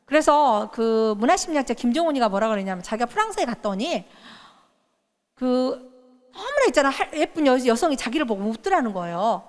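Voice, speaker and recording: Animated middle-aged woman leading a workshop. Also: a little high, fairly quick. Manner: animated, acts out quoted voices and coaches the audience. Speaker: workshop speaker. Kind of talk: lively audience workshop talk. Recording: reverberant hall.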